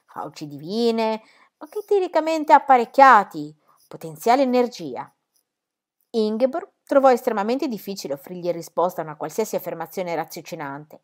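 A woman reading a novel aloud in a calm, measured narration. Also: mid-range voice. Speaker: audiobook reader. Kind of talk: literary audiobook narration.

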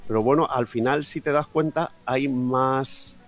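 A man's voice: medium pitch, fairly even intonation, unhurried, muffled recording, soft background music. A man from Catalonia with a fairly neutral Spanish accent, chatting as a podcast guest, often restarting his phrases. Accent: fairly neutral Spanish from Spain. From Catalonia, Spain. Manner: chatty, with frequent restarts and fillers. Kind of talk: casual podcast interview.

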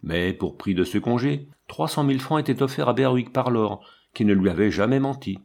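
A man giving a measured, expressive narration of a literary audiobook. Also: mid-range voice, gravelly.

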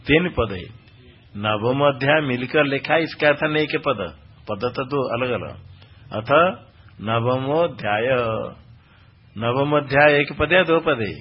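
A man's voice: mid-range voice, a little slow, slightly rough. A male spiritual teacher explaining scripture recitation. He is exacting, corrects pronunciation point by point and quizzes his listeners. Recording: dull lo-fi recording.

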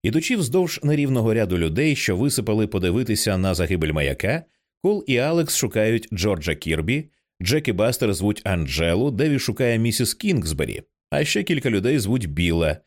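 A man narrating an audiobook in an expressive reading style, changing his voice for the characters. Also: fairly low pitch, fairly quick. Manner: expressive, acts out many characters. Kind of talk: scripted narration.

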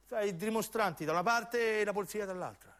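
A high-pitched man from southern Italy, a narrating actor, delivers a theatrical dramatic monologue for radio, speaking a little fast with a slightly bright tone. He is emphatic and uses incantatory repetition, acting out the characters as he tells the story.

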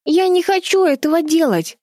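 A fierce little girl squeaks out her defiance in a high, strained voice, as a woman reading an audiobook puts her on. She sounds small and scared but stubborn, recorded close and dry. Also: animated, a little fast, darkish tone, no echo, natural voice. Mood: defiant. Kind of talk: audiobook character voice.

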